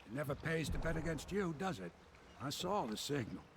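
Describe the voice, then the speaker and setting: Old boatman, gruff fisherman manner, gravelly low-leaning voice, loyal and weary, earnest game dialogue, loud water noise behind. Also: big pitch swings, fairly quick. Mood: relieved, earnest. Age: older. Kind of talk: video game character dialogue. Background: water and boat ambience.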